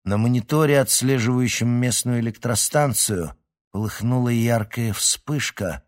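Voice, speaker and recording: A man narrating an adventure story in a steady, dramatic reading voice. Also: mid-range voice, measured pace. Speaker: audiobook narrator. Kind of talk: scripted narration.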